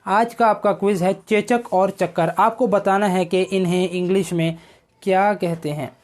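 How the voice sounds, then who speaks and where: A woman teaching English vocabulary, explaining each word patiently and reading example sentences slowly and deliberately. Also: mid-range voice, steady tone. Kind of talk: slow instructional vocabulary lesson.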